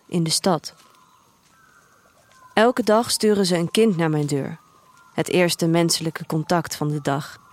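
Playing a thoughtful young woman who tells of her life in a dystopian future, an actress serves as narrator of a radio drama. She delivers the first-person literary narration with measured care, her voice on the low side and lightly acted, while music plays.

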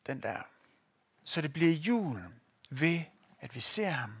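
A man delivers a sermon with a live demonstration before a church congregation, weaving in stories and talking straight to the people listening. He sounds very animated, fairly high-pitched, a bit bright and slightly rough, with no room sound.

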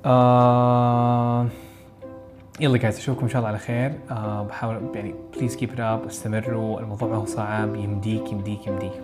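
Over music, a man with a fairly low, level voice runs a live audio question-and-answer session for exam learners. His advice is quick, casual and talkative, full of restarts and encouraging side comments.

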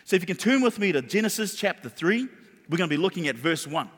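High-voiced preaching man, echoing hall. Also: very animated, fast talker, fairly bright tone. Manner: emphatic, repeats words, drops to whispers. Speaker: pastor. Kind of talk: sermon. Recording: long hall reverb.

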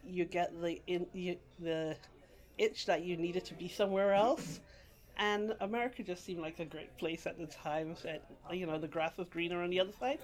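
A woman's voice: on the low side, a little mellow. A middle-aged woman from England, raised partly in Guyana, telling her life story in a rambling oral history interview at a library, with many restarts and laughs. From England, grew up partly in Guyana.

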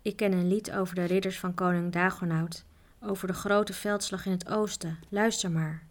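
A woman voicing a curious, eager young mountain boy, at times talking in an excited whisper in a storybook reading. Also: fairly low pitch, normal speed, close to an everyday voice.

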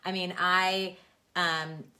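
Lower-pitched bright woman chatting. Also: flat delivery, extremely slow. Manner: conversational, agreeable, with "um" and "like" fillers. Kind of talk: casual chat.

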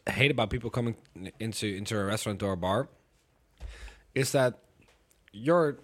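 A man co-hosting a podcast, animated, acting out little exchanges with customers as he complains. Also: fairly low pitch, normal speed. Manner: animated, acts out quoted exchanges. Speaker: podcast co-host. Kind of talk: casual podcast chat.

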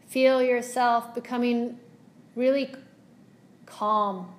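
In a gentle, calming manner, a yoga teacher guides a meditation, pacing her phrases carefully and letting long pauses fall between them. She has a slightly high voice with fairly even intonation.

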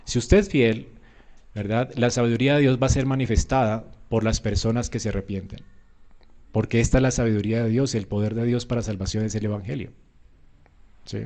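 Emphatic male preacher, mid-pitched. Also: steady tone, fairly quick, darkish tone. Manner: emphatic, often asks "¿verdad?"; acts out quoted voices with rising pitch. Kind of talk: sermon.

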